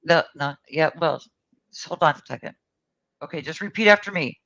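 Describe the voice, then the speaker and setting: A woman's voice: low-pitched, normal speed, a bit bright, dry recording. A woman co-hosting a live stream over a remote call, coaxing and teasing in casual chat; the call audio sounds lo-fi.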